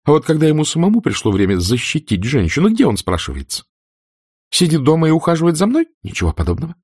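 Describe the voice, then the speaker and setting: A man voicing a sharp-tongued, haughty young Southern lady, sarcastic and furious. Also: fairly low pitch, a little fast, no echo, clean studio sound, voice pushed up. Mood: indignant.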